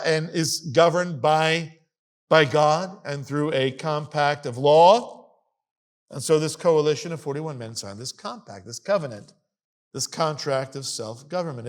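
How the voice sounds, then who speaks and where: A man giving a sermon-style history lesson to a congregation, emphatic and animated, with wry asides, reading a document aloud and commenting on it. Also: fairly high pitch. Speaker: congregation teacher. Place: congregation meeting hall.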